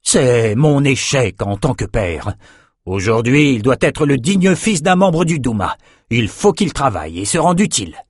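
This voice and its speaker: A man voicing a gruff, demanding older father who scolds his son in a storybook reading. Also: mid-range voice, sing-song, measured pace, dry recording, clean studio sound, pitched above the performer's own voice. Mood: stern. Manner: scolding, insistent.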